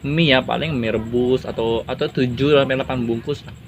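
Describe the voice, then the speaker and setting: A young man chats as a guest in a casual interview, sharing anecdotes, laughing, and using Islamic expressions. His voice is medium in pitch, steady in tone, and a little fast. There's noise in the background.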